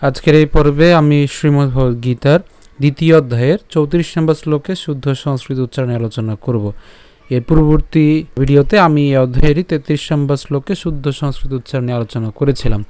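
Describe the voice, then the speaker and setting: Male recitation teacher, fairly high, smooth, dry close sound, slow syllable drills. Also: warm tone, dry recording. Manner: checks in with listeners often. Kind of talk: pronunciation lesson.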